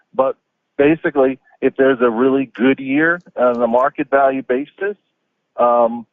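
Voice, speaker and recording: A man's voice comes through a phone call, thin and tinny like a narrow phone line, with a dry, close sound and no room around it. He explains figures in a measured, even way, pausing often with ums. His pitch sits in the middle of the male range. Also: dry recording. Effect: heard over a phone call. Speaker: pension staff member calling in. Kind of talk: meeting explanation. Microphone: phone or headset on a call.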